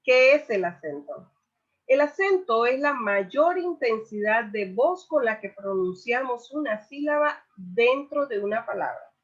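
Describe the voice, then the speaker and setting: A woman teaching a Spanish grammar lesson, explaining slowly and saying each example word loudly, then repeating it. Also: fairly high pitch, expressive. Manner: stresses example words loudly and repeats them. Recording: dull lo-fi recording.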